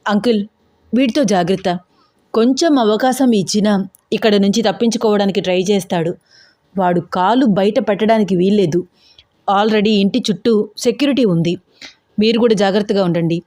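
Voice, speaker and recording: A woman's voice: mid-range voice, moderate pace, dark tone, no room sound, clean studio sound, natural voice. A woman reading a story aloud and voicing an angry young man who threatens sternly. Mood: stern anger.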